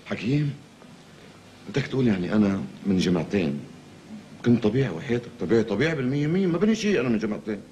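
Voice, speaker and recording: A man's voice: on the low side, very animated, racing. A Lebanese man acting a comic, rambling patient who suddenly finds himself married to two wives. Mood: complaining. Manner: rambling, exaggerated, comically flustered. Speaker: patient in a comedy series. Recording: loud background noise.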